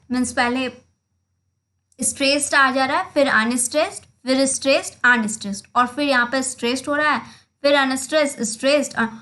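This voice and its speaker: A woman's voice: sits high, bright, forceful tone. A woman teaching a literature lesson, explaining a slide step by step and calling out stressed and unstressed syllables. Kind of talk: slide lecture in Hindi mixed with English.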